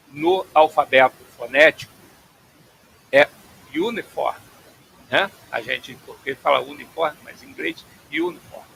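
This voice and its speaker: A man's voice: fairly high pitch, vocal fry, sharp tone, low-quality recording. A man teaching an online aviation phraseology class, explaining patiently and checking in with his students. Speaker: flight phraseology instructor.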